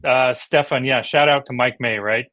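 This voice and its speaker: A man's voice: mid-range voice, steady tone, pushed and bright, no echo. Middle-aged man, livestream host, eager, stumbling restarts, dry close sound. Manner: enthusiastic, halting with many restarts. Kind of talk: casual livestream chat.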